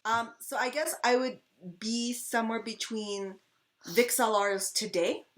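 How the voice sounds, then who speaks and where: A woman's voice: a little high, fairly even intonation, unhurried, fairly bright tone. A woman co-hosting a casual fan Q&A video, telling long rambling stories full of fillers and restarts. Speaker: channel co-host.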